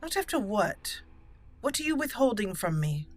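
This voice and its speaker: A woman provides let's play commentary on a fantasy game, now and then shifting into formal, deliberate in-character speech. Her voice is medium in pitch and swings widely up and down.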